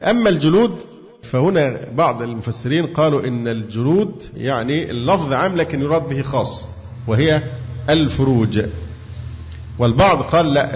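A man's voice: medium pitch, animated, a little fast, a little hiss or hum. A man with an Egyptian accent teaching a religious exegesis lesson, asking himself questions and answering them. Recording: echoey, dull lo-fi recording.

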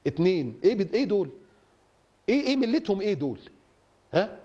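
Lively, fast-talking Egyptian preacher man. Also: high-pitched, husky, dull audio. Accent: Egyptian Arabic. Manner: emphatic, rhetorical, repeating phrases for stress. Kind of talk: impassioned sermon.

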